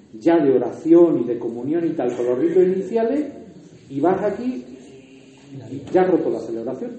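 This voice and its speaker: A man's voice: on the high side, dark tone, slight background noise. A man from Murcia with a Murcian Spanish accent, giving a conversational lecture on liturgy to a workshop group, explaining with examples and asides. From Murcia, Spain. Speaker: liturgy trainer. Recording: echoey hall, distant mic, dull sound.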